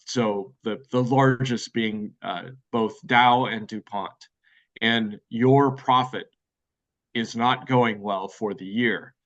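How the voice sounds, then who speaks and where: A guest expert from the United States, an American man, gives long, thoughtful, hedging answers to interview questions, full of fillers and restarts. His voice is medium in pitch and his pace is slow. The audio sounds dull.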